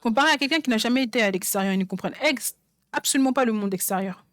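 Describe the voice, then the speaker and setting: A woman preaches a sermon in a fairly high voice. She drives her points home by repeating phrases again and again, and the sound is dry and close. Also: very fast, fairly bright tone, dry recording. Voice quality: songwriter speaking of her own songs. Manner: emphatic, repeats phrases for stress.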